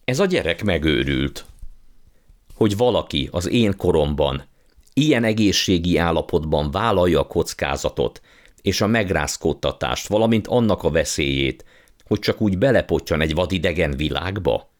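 Man playing a blustering old magician uncle, condescending, pompous, deep voice, storybook. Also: expressive. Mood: outraged.

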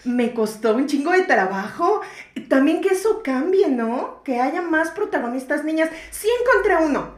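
Slangy, chatty Mexican woman with a high voice. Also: lively intonation, normal speed, reverberant. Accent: Mexican Spanish. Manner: chatty, slangy and laughing often. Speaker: podcast co-host. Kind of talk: casual chat about books.

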